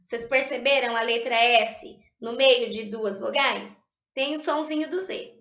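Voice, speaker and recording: A woman teacher giving a recorded spelling lesson, patiently checking in with her students and slowly sounding out syllables. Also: on the high side, a bit bright. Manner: patient, tags sentences with "tá?". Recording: lo-fi echoey room.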